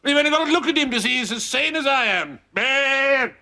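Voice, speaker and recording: A blustering, braying old general. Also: male voice, very high-pitched, lively intonation, brisk, exaggerated voice. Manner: loud braying laughs, bombastic. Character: blustering old male general, booming and pompous. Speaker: general in a TV comedy. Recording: TV clip played back with heavy background noise.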